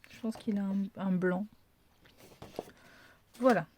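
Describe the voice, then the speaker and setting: Slow, hesitant woman unboxing crafts. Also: mid-range voice, steady tone, darkish tone, a little hiss or hum. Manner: hesitant, thinking aloud with many fillers; apologetic, self-correcting asides. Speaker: craft video host. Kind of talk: casual unboxing walkthrough.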